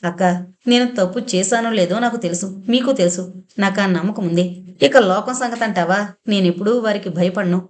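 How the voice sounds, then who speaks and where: A gentle, long-suffering young woman speaks softly through her tears, as a woman narrator gives her voice. She sounds resigned and patient. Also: medium pitch, a little fast, lightly acted. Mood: sorrowful. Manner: soft, tearful, resigned.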